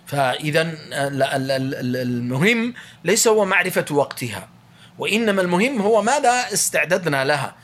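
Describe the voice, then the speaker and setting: A male religious teacher giving a lecture, reading a classical text aloud and explaining it with quick rephrasings and frequent restarts. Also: a little high, lively intonation, fairly bright tone.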